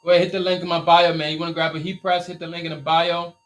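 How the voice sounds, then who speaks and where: On a casual live stream, a Liberian-accented man from Liberia takes questions about his t-shirt line, energetically restating his points to motivate listeners. His voice is a little high and his pace quick.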